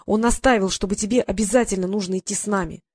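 A woman's voice: medium pitch, fairly even intonation, quick pace, darkish tone, lightly acted. A woman voicing an earnest, talkative teenage boy who explains things at length. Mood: insistent.

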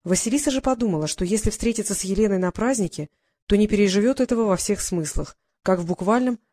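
Audiobook narrator, scripted narration, even steady telling, mid pitch. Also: quick pace.

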